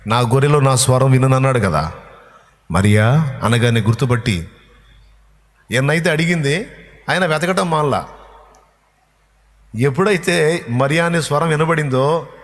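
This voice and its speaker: Higher-voiced preacher in a reverberant hall. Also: male voice, a bit bright. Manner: emphatic, repetitive preaching. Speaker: pastor. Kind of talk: sermon.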